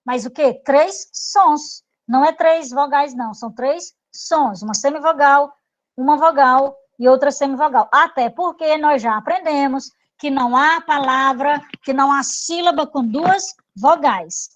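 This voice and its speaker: A woman's voice: high voice, measured pace, highs cut off. A woman with a Brazilian Portuguese accent teaching an online grammar review, explaining patiently with repeated examples and checking in with her students.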